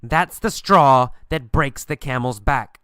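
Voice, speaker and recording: Male teacher, story lesson, deliberate repetition; bright, dry close sound. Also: medium pitch, smooth, no room sound. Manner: slow, repeats phrases for learners. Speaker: English teacher.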